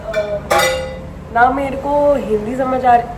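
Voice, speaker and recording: A woman's voice: fairly high pitch, takes it slowly, very noisy. A young woman from India chatting casually in a home vlog, mixing in English phrases and laughing often. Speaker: vlogger. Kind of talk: casual chat.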